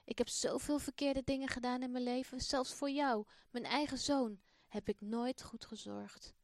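A woman's voice: high voice, steady tone, moderate pace, dry recording, studio quality. A woman doing a sick, guilty old father. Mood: remorseful.

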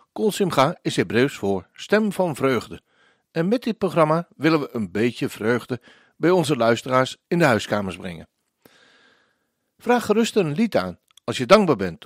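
A man hosting a radio request show, welcoming listeners and reading song lyrics aloud with animated, swooping intonation. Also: a little high, dry recording, studio quality. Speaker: radio host.

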